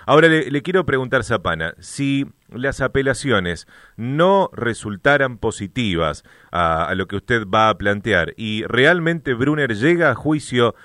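A man with an Argentine Spanish accent hosting a radio interview, asking measured questions and murmuring acknowledgments. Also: medium pitch, lively intonation, fairly bright tone, no room sound, clean studio sound. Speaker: radio host.

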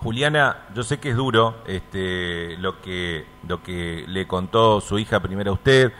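A man interviewing a caller on the radio, asking gentle, probing questions with frequent hesitations. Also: deep voice, unhurried, a little hiss or hum.

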